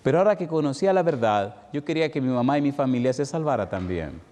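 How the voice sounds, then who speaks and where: A middle-aged man with a Dominican accent preaching a sermon, telling a personal story with emotion, slowing for emphasis and then speeding up. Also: medium pitch, lively intonation, dark tone. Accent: Dominican Spanish. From Dominican Republic. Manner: emotional storytelling, shifting between slow emphatic and quick passages. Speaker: evangelist preacher. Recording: long hall reverb.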